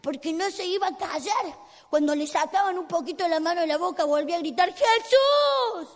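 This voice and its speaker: A woman's voice: very high-pitched, fairly even intonation, fast talker. A woman preacher with an Argentine accent telling a Bible story dramatically in a sermon, in a church hall. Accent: Argentine Spanish. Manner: dramatic, builds to emphatic peaks. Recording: long hall reverb.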